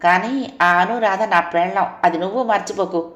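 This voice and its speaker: A woman's voice: medium pitch, normal speed, fairly bright tone, roomy sound, close to an everyday voice. A woman voicing an impatient, dismissive young husband in an audio story, scoffing as he speaks. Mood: irritated.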